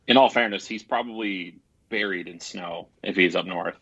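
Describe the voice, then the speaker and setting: Husky low-voiced man, joking guest. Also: moderate pace, sharp tone, highs cut off. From Michigan, Detroit area. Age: 30s. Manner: joking, self-mocking. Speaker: podcast guest. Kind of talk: casual chat.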